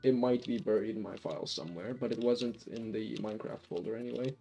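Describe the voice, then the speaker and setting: A Finnish man with a light accent chats casually while playing a game on a live stream, rambling with lots of restarts and fillers. His fairly low voice is steady, mellow and a little fast, with vocal fry, and faint music plays behind him.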